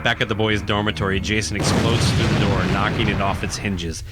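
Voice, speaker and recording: This dramatic horror narration comes from a man reading a radio play in a suspenseful, theatrical way, though his delivery is flat. His voice is on the low side and fairly quick, and music is prominent behind him.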